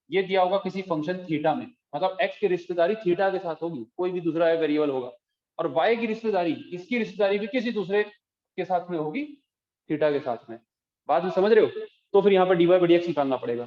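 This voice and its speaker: Male math teacher in an echoey classroom. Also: high-pitched. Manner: explains step by step, keeps checking students follow. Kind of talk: classroom lecture. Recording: echoey room, dull lo-fi sound.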